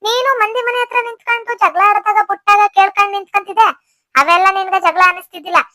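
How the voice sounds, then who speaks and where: A woman voicing a defiant, sharp-tongued village woman in a cartoon, with a North Karnataka Kannada accent. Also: extremely high pitch, steady tone, quick pace, dry recording, soft background music. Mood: taunting. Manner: taunting, lecturing. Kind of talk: cartoon voice acting.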